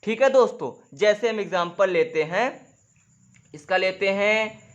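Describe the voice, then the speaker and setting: A man teaching English grammar in a lesson, who keeps calling the viewers "friends", asks if they follow, and spells out example sentences slowly, word by word. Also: high voice. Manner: repeats "dosto" and "theek hai" constantly, drawing on a board. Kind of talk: classroom-style grammar lesson.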